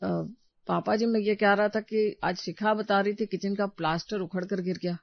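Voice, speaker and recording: A woman's voice: mid-range voice, steady tone, moderate pace, creaky, close to an everyday voice. A woman voicing a meek young husband who answers hesitantly in a storybook drama. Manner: hesitant, mumbling. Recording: dull lo-fi recording.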